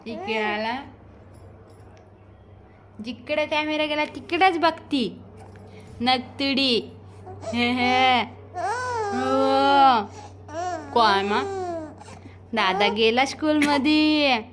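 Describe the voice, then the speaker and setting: A young woman, a mother, talking baby talk to her infant in a coaxing, sing-song way and imitating baby speech. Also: high-pitched. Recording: clear background noise.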